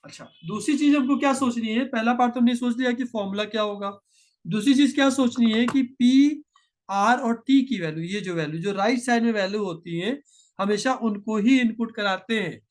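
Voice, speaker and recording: A very high-pitched man leads a screen-share coding tutorial. Patient and methodical, he slows down to read code aloud and mixes in terms along the way.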